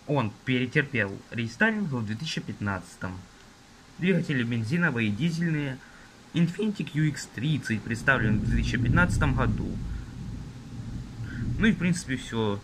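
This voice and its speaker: A young man casually reviewing a car magazine page by page, listing items in a halting way with fillers, filmed on a phone at a table indoors while rain falls outside. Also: mid-range voice, fairly bright tone, slight background noise, low-quality recording. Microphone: phone camera filming from above.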